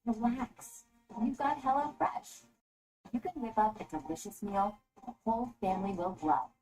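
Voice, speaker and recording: A woman's voice: fairly high pitch, normal speed, dark tone, low-quality recording. Chipper woman reading an advert over music. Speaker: commercial voice-over. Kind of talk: upbeat scripted advertising read. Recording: music bed behind the voice.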